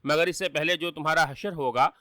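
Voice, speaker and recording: A man's voice: a little high, sharp tone, dry recording, studio quality. A man doing a harsh, menacing evil spirit. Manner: harsh, threatening.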